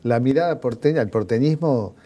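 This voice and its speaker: A man's voice: medium pitch, a little fast, warm tone, husky. A man interviewing a guest, speaking in a reflective, explanatory way. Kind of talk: cultural conversation, interviewer.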